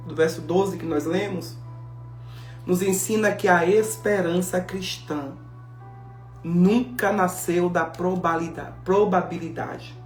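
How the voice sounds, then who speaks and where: A woman preaching a sermon, telling the story with lively acted-out dialogue. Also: on the low side. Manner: animated storytelling, acting out biblical dialogue. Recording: echoey room with faint music.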